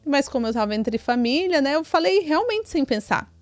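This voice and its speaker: Brazilian woman podcast co-host, lively storyteller, slightly high voice, dry close sound, soft music under. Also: moderate pace, no room sound. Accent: Brazilian Portuguese. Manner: chatty, many tag questions. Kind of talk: casual storytelling chat.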